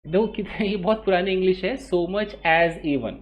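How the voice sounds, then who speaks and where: A male teacher with an Indian accent talks through English newspaper sentences, questioning and answering himself as he goes. He slows right down on each English phrase, then explains it quickly in Hindi. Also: sits high. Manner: reads English phrases slowly, word by word.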